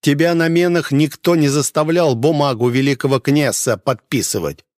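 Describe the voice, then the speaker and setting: A stern, grim hunter speaks in a low, controlled voice that stays calm and menacing, as a male audiobook narrator puts him on. The sound is dry and close, with no room around it. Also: normal speed, no room sound, lightly acted.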